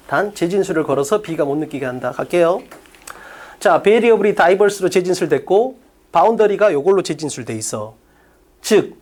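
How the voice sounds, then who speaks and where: A woman's voice: fairly low pitch, a little mellow. A woman teaching an exam-prep English class in an academy classroom, firing off rhetorical questions and bluntly insulting students with profanity. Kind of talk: lecture on exam reading questions.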